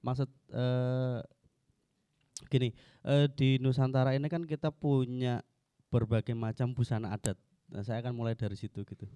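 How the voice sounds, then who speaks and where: A man's voice: medium pitch, flat delivery, normal speed, pauses often, dark tone, smooth, no echo. A man speaking in a discussion, hesitant and searching for words. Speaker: discussion participant. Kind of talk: spoken discussion contribution.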